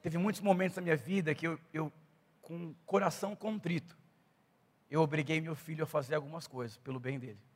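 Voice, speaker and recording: A middle-aged man preaching a sermon as pastor, moving from calm storytelling to loud, fervent preaching. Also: fairly high pitch, brisk. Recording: echoey hall reverb.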